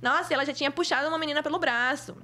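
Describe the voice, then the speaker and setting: A young Brazilian woman with a high, bright voice tells stories at a rapid clip. She talks casually as a podcast guest, lively and expressive. Her Brazilian Portuguese accent shows throughout. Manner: lively, expressive, acts out other people's voices. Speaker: guest, fashion model. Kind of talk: casual storytelling in a podcast interview.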